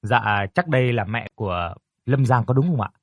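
A man voicing a young doctor who speaks in a measured, polite way. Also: mid-range voice, lively intonation, dry recording. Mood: courteous. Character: calm, courteous young male doctor.

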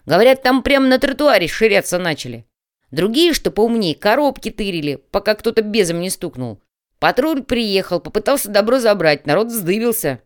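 A woman's voice: mid-range voice, sing-song, moderate pace, pitched above the performer's own voice, lightly acted. Woman doing an agitated gang messenger. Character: excitable male gang messenger.

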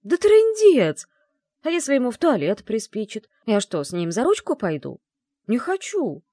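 A feisty young bride, as a woman reader puts her on who whines and exclaims in a higher, swooping voice. The sound is dry and close. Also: moderate pace, no echo. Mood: indignant. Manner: whiny, exclaiming, animated.

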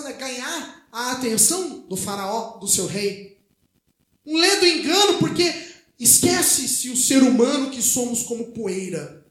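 A man's voice: very high voice, fairly bright tone. A man with a Brazilian Portuguese accent, a pastor preaching a conversational sermon full of anecdotes during a church service. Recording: echoey church hall.

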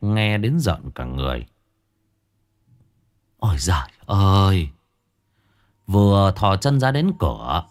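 Low-voiced man telling a ghost story. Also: a little mellow. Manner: dramatic, swinging delivery. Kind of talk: spoken ghost story narration.

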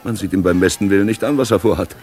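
A man playing a languid, mocking gentleman. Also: sits low, very fast, natural voice. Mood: ironic. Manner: languid, ironic and cultivated. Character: urbane, mocking gentleman observer.

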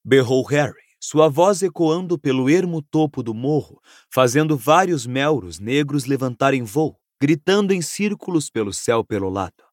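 A man with a Brazilian accent narrating an audiobook in an expressive, dramatic reading. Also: mid-range voice, normal speed, dry recording, clean studio sound. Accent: Brazilian Portuguese. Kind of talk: scripted narration.

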